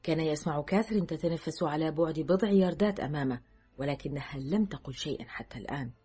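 Husky low-voiced woman narrator. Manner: measured, steady storytelling. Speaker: audiobook narrator. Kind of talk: scripted audiobook narration.

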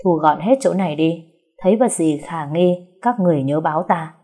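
A woman's voice: sits low, normal speed, dark tone, slightly rough. A woman voicing a genial young master of a rich household who speaks politely but gives orders. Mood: commanding. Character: young gentleman of a rich household, good-natured and commanding.

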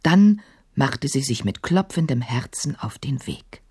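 A woman narrating a children's story with an expressive, playful reading. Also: very deep voice, unhurried, breathy edge.

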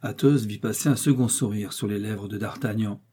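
Dark husky male narrator. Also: fairly low pitch, normal speed. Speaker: audiobook narrator. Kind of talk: scripted narration.

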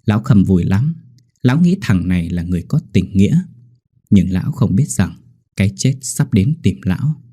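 A man narrating a horror story in a steady, grim manner. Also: sits low, moderate pace, husky.

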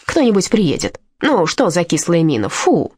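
A woman's voice: fairly low pitch, wildly swooping pitch, normal speed, darkish tone, slightly rough, no room sound, clean studio sound, exaggerated voice. A woman voicing a bossy, nervous orphanage matron who barks and scolds in an audiobook. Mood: scolding. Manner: barking, scolding.

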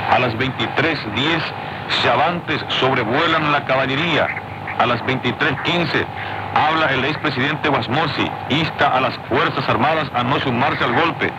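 Un locutor de radio con acento paraguayo, leyendo una cronología noticiosa de forma pausada y ordenada, escuchado por una onda corta que se desvanece. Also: male voice, medium pitch. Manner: measured, lists times and facts in order. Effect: fading, noisy shortwave radio reception. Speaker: radio news announcer. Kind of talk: reading a news chronology. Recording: hissy shortwave broadcast.

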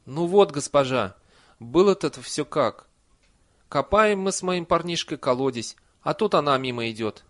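A man's voice: a little high, animated, moderate pace, a bit bright, voice pushed up. A man reading an audiobook voices a respectful, worried village man who tells his tale in deferential rustic speech.

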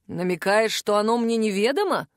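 A woman reading the part of an arrogant, scheming male pirate captain with a mocking, lowered delivery. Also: expressive, moderate pace, no echo, studio quality, close to an everyday voice.

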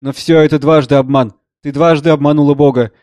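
Man doing a tormented aging professor, declamatory, proud, fairly high voice, dry sound. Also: steady tone, a little fast, a little mellow, no echo, lightly acted. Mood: anguished. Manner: anguished, declamatory.

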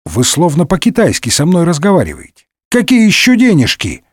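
A man's voice: fairly high pitch, wildly swooping pitch, brisk, breathy edge, no room sound, clean studio sound, voice pushed up, exaggerated voice. A man voicing a rude sarcastic Gascon swordsman. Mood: sarcastic, mocking. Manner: brusque, mocking, shouting insults. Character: hot-tempered middle-aged Gascon swordsman, rude and sarcastic. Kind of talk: comic audiobook reading.

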